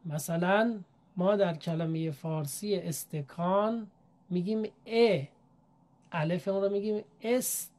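A woman teaching Arabic vowel sounds, speaking slowly and politely, with Persian as her first language, repeating letter sounds clearly. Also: fairly low pitch, a little mellow. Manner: slow, careful, polite teaching with drawn-out repetition of letter sounds. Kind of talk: recorded lesson.

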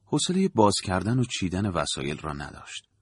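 Deep husky guy reading a story out, measured and dramatic, varied intonation. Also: huge pitch swings, no echo. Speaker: narrator. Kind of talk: scripted audiobook narration.

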